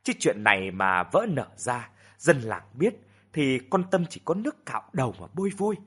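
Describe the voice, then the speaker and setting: A man voicing an older village mother who soothes and scolds in a soft, sighing way. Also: mid-range voice, very animated, moderate pace, slightly rough. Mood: worried.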